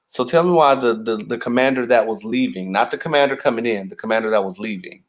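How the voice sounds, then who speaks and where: Young male co-host, casual storyteller, lively quoted voices. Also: fast. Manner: animated, acts out quotes with big pitch jumps. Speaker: podcast co-host.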